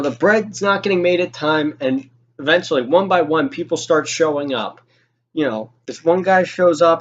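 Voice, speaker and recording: A lo-fi clip captures a young man with a high-sitting voice telling a story from his life informally, with swearing, exasperation, and acted-out lines from the people involved.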